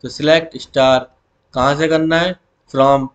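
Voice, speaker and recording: A teacher with a slightly high voice runs an exam revision lesson and keeps calling his students "beta." He throws key words back to the class as questions. When he reads the commands out, he goes slowly, word by word. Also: fairly even intonation, highs cut off.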